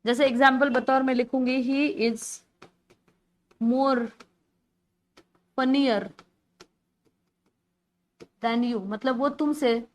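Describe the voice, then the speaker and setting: High-voiced woman teaching grammar. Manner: explains patiently, addresses students as beta, repeats key words. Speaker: English teacher for exam prep. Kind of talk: online classroom lecture.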